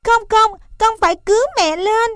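A woman's voice: moderate pace, fairly bright tone, dry recording, clean studio sound. Woman voicing a pleading baby elephant. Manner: high pleading childlike cries. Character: frightened loving baby elephant, small and young.

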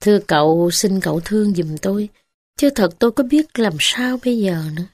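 A woman's voice: medium pitch, brisk, a little mellow, no echo, natural voice. Woman playing a downcast poor village man, Southern Vietnamese accent, humble and hesitant, dry sound. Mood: pleading.

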